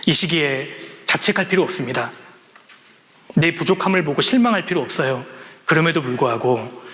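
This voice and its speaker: A man's voice: on the high side, expressive, fairly quick, a bit bright. A man preaching a sermon to his congregation, earnest, with rising exhortations and direct questions to the listeners. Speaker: pastor. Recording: long reverb in a large hall.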